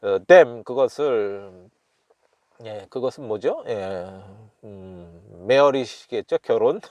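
A man chatting casually as he studies, chuckling often and repeating phrases slowly while thinking aloud. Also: lowish voice, expressive, a little mellow, dry recording, dull audio. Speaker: self-taught language learner. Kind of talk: casual study commentary.

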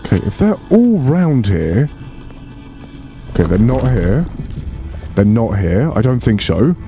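A man's voice: medium pitch, sing-song, slow pace, dark tone, faint music behind. A man giving casual gameplay commentary, swearing freely and talking to the game's characters in bursts of exasperation. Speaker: let's play host.

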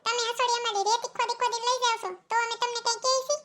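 A woman voicing loud, bossy middle-aged village women in a cartoon comedy, with a Kathiawadi Gujarati accent and a nagging, shouting manner. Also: level tone. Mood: scolding. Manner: shrill, quick, nagging and shouting.

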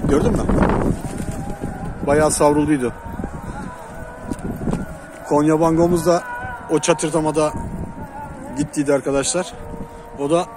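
A man with a somewhat high voice talks casually to the camera beside his pigeon loft. He keeps breaking off to call and coax the birds down. Traffic and birdsong fill the noisy outdoor recording around him. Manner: calls and coaxes pigeons loudly, chatty. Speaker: pigeon keeper and channel host. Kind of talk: casual outdoor vlog chat. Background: birds and city traffic.

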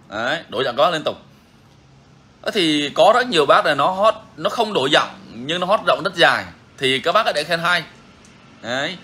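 A man's voice: on the high side, bright, forceful tone, slight background noise. A man hosting a bird-keeping channel, talking casually and frankly to viewers, repeating himself often. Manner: frank, repetitive, chatty.

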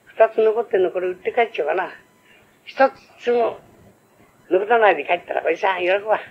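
A man's voice: sits high, brisk, husky. An older man voicing a naive young master turned pumpkin peddler, timid and muttering to himself. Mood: fretful. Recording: old lo-fi recording.

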